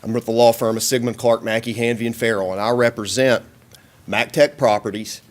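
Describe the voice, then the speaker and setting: A man's voice: mid-range voice, little pitch movement, a little fast. A man, an attorney from North Carolina, addressing a council hearing in a polite, businesslike way. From Hickory, North Carolina. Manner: polite, businesslike, a bit self-deprecating. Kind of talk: formal public comment. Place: city council chambers.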